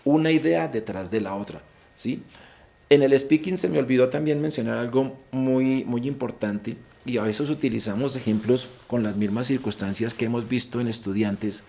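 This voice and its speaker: He has a gravelly, dark voice at medium pitch and speaks at a moderate pace. Online, this Colombian-accented man advises students on an English exam, explaining its rules and repeating crucial points. He tends to restart and repeat words as he explains, stressing the most important advice.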